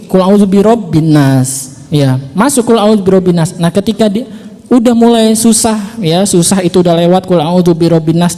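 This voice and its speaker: A man with a high but mellow voice talks in a relaxed, advice-giving way, going back over his points with patient repetition. His voice rings with a long reverb, as if recorded in a large hall. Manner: patient, repeats points, many 'ya' fillers. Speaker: father sharing how he taught his son.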